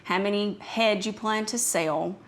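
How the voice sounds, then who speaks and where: A woman's voice: medium pitch, unhurried, slight background noise. A woman with a Southern US accent, a banker explaining procedure to clients.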